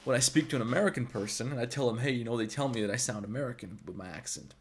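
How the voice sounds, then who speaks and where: A 3D artist with a Balkan accent, a native Serbo-Croatian speaker, livestreams a 3D modeling tutorial and chats with viewers in a blunt, profane, rambling style. His mid-range voice is slightly rough and comes out rapid-fire.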